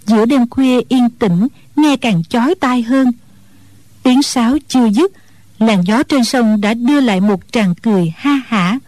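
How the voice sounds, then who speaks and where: A woman reads a storybook aloud in a steady, even storyteller's manner. Her voice sits a little high and sounds dry and close to the mic. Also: measured pace, dry recording. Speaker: audiobook narrator. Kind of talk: scripted storybook narration.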